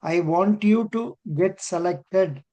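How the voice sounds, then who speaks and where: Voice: medium pitch, takes it slowly, warm tone. An older interview coach with an Indian accent, giving mock interview feedback in an encouraging way and often repeating phrases.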